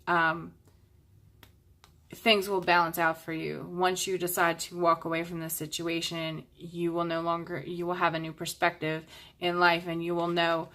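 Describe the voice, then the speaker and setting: A woman's voice: on the low side, fairly bright tone. A young woman reading tarot cards to camera in a casual, chatty way, with lots of fillers and rambling asides. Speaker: tarot reader.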